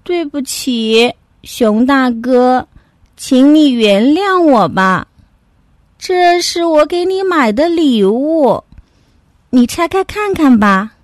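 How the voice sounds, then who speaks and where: A cheeky little puppy brother, impatient and whiny, squeaking high above the storyteller's usual voice, as a woman puts him on. Each word is clipped and snappy, in a dry, close storybook reading. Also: expressive, takes it slowly, dry recording. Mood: pleading.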